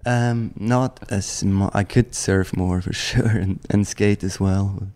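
Speaking slowly in a deep voice, a professional snowboarder in his thirties from German-speaking Switzerland chats as an interview guest. His talk is relaxed and rambling, with many restarts and frequent use of "like."

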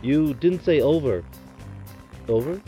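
A man's voice: a little high, animated, slow pace, dark tone, soft background music, low-quality recording. A man playing a male trucker who talks in clipped call-sign chatter over a CB radio transmission. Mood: fussy.

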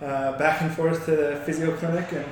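A man in his thirties giving a casual interview in a halting, conversational way. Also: on the high side, little pitch movement. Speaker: guest, physiotherapist. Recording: echoey, distant mic, noisy room.

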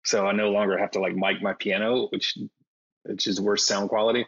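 A man with a low, husky voice and a gravelly edge talks as a podcast guest. He speaks hesitantly and pokes fun at himself, with plenty of fillers. The recording sounds dull and lo-fi. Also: level tone, fairly quick. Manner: hesitant, self-deprecating, many fillers. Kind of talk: casual interview conversation.

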